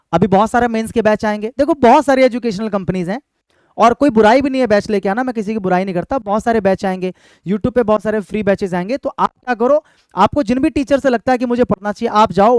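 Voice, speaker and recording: His voice sits high and a little mellow, moving slightly fast in a dry recording. The young man is an exam-prep English teacher earnestly talking to students on camera, often pausing to check in with "ठीक है?" and "भाई".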